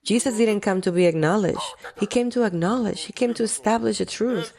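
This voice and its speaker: Mellow-voiced woman preaching emphatically. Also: mid-range voice, brisk, creaky. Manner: emphatic, repeats key phrases. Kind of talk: sermon.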